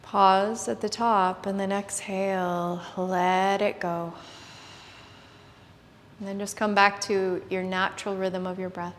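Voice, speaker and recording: A woman yoga instructor giving guided relaxation in a soft, hushed, gentle and soothing voice, with pauses. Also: medium pitch, little pitch movement, slight background noise. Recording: reverberant hall-like room echo.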